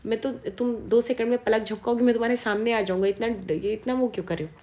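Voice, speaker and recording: Give me an anxious, defensive young husband, read by a woman, quick and pleading. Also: on the high side, fairly even intonation, mellow, natural voice. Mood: flustered. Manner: flustered, pleading.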